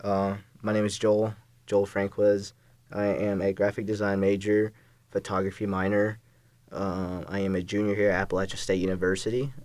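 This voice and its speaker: Chill 21yo guy on a podcast, kinda low voice, laughs a lot, dry close sound. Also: darkish tone, dry recording. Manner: easygoing, laughs often. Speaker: podcast guest, college student. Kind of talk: casual podcast chat.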